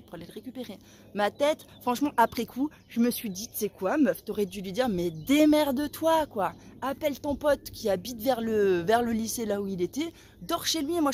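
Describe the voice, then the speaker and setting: Woman, forties, casual vlog storytelling, dramatic and animated, sore throat, a touch high-pitched. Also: a little hiss or hum. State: sore throat, talking softer than usual. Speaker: vlogger.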